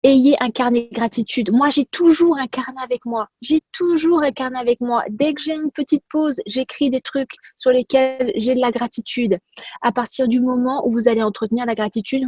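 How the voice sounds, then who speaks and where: A woman personal development coach giving an energetic motivational talk, repeating key phrases and asking rhetorical questions. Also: high-pitched, no echo, highs cut off.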